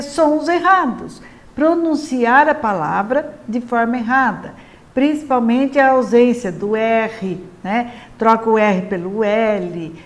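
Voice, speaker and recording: A woman with a Brazilian Portuguese accent giving a patient, clear lesson to parents on helping children speak correctly. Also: high-pitched. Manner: patient, explanatory, models words slowly and clearly. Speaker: literacy teacher advising parents. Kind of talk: instructional talk to parents.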